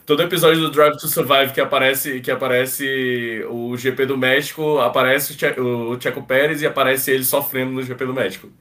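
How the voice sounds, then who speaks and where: A man's voice: medium pitch, fairly even intonation, brisk, few pauses, sharp tone. Brazilian man hosting, slightly distant mic. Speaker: podcast host. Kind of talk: casual sports podcast chat.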